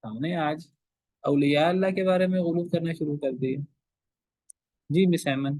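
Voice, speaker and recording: A man's voice: fairly high pitch, a little mellow, dry recording. Emphatic male teacher, rhetorical questions. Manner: emphatic, asks rhetorical questions and repeats phrases. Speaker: Quran teacher. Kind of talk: religious lecture to a class.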